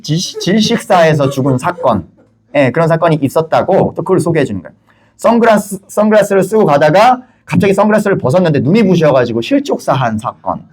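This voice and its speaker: A pastor with a Korean accent delivers a sermon, his pitch swinging widely as he tells stories with a wry, gently humorous edge. His voice sits on the higher side for a man, and he keeps turning to the congregation with rhetorical questions.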